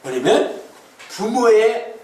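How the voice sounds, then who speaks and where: A man preaching a lively Sunday sermon as pastor, teasing the congregation with questions and acting out mock voices. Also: high-pitched, slow. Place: church sanctuary. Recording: echoey church hall, mic at a distance.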